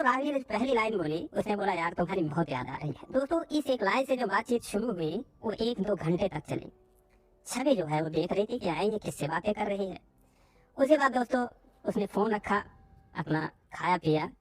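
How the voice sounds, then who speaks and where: Woman storyteller, chatty narration to listeners, faint music under. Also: mid-range voice. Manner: chatty, addresses listeners as friends.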